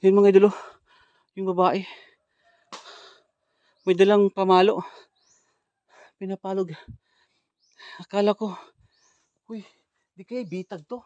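A man filming a ghost-hunting vlog outdoors in a forest. He talks to his viewers in low, hushed asides and calls out loudly and urgently. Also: level tone, slow, long pauses, dry recording, dull audio. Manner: low hushed asides to the camera, then loud urgent calling out. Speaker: ghost hunter vlogger. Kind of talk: live walkthrough vlog addressed to viewers.

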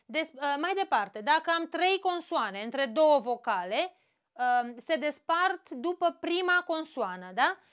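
A woman's voice: sits high, sing-song, a bit bright. A woman with a Romanian accent teaching an exam-prep grammar lesson, explaining step by step and checking in with short questions.

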